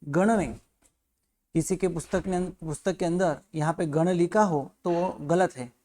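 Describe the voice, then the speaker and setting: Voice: mid-range voice, fairly even intonation, measured pace, warm tone. A religious studies teacher giving a recitation lesson at home, patiently correcting pronunciation syllable by syllable and sometimes chanting the verses in a melody. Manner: patient, repeats each syllable until it is right.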